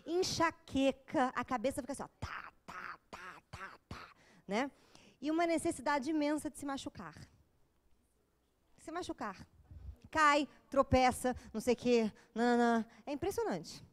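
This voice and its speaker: A woman's voice: high voice, normal speed. A woman with a Brazilian Portuguese accent giving an informal, joking lecture to a live audience. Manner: joking, chatty, with acted asides.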